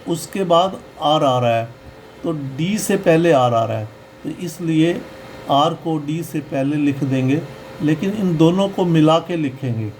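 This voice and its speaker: Man, teacher, very slow explanatory lesson, patient, repeats each sound. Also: fairly high pitch, darkish tone, a little hiss or hum, low-quality recording.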